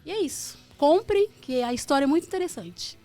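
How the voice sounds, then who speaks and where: Brazilian woman, radio guest; high, fast, earnest storyteller, studio mic. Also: expressive, music in the background. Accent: Brazilian Portuguese. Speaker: guest, author of a book. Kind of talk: personal testimony on radio.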